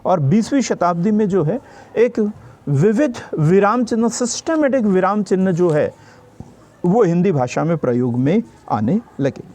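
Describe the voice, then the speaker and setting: A man's voice: sits high, lively intonation, a little slow, warm tone. A man teaching a grammar lesson for exam preparation. He explains patiently, repeats each definition and checks in with his students.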